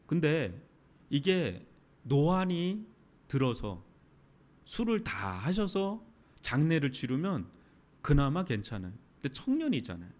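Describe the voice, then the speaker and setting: Male pastor, lively sermon, rising pitch, sudden shouted bursts then hushed lines. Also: unhurried, pauses often. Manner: animated, dramatic preaching with sudden loud outbursts and soft drops.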